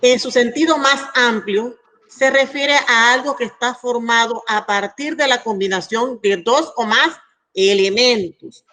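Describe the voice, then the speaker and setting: A woman's voice: fairly high pitch, measured pace, sharp tone. A woman teacher giving a class online, explaining rules patiently and checking in with her students. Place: school in Santiago.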